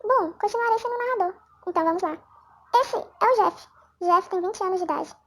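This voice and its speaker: A squeaky, pitched-up chipmunk voice from a man whose speech has been sped up, chattering through a playful story. It sits extremely high and races along at a quick clip. The delivery stays jokey and self-mocking, like a narrator goofing around.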